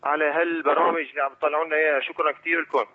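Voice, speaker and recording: A man from Syria with a Syrian accent calling in to a show, trading quick polite greetings and blessings. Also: fairly high pitch, flat delivery. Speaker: caller. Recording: tinny phone line.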